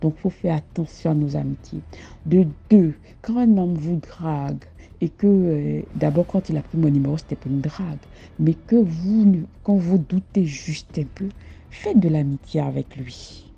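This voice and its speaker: A woman's voice: low-pitched, measured pace, creaky, dark tone, breathy edge. A woman telling her own story in the first person, emphatic and fond of repeating herself for effect, on a dull lo-fi recording. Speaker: caller sharing a personal story.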